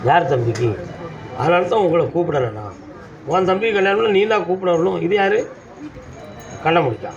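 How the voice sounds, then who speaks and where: High-voiced commanding temple oracle man. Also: lively intonation, normal speed, vocal fry, long pauses, crowd noise. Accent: southern Tamil. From Tamil Nadu. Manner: commanding, scolding, calls devotees "da". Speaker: temple oracle speaking as the deity. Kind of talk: trance oracle addressing devotees. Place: village temple. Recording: dull audio with faint background noise.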